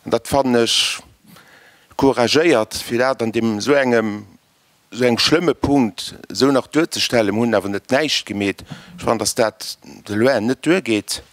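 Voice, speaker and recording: A man's voice: mid-range voice, measured pace, no echo. Critical man speaking from the audience. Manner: critical, searching for words. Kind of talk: conference discussion.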